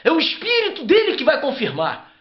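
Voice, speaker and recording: Fervent Brazilian pastor preaching, roomy lo-fi. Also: male voice, extremely high pitch, wildly swooping pitch. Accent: Brazilian Portuguese. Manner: fervent, repetitive, drawn-out emphatic phrases. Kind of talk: impassioned preaching sermon. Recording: roomy, dull lo-fi recording.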